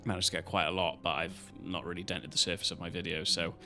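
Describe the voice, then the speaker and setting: A man's voice: deep voice, fairly even intonation, fast talker, pushed and bright, faint music behind. A British man chatting casually as a live streamer, in a loose, rambling way with some casual swearing. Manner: rambling, loosely strung-together talk.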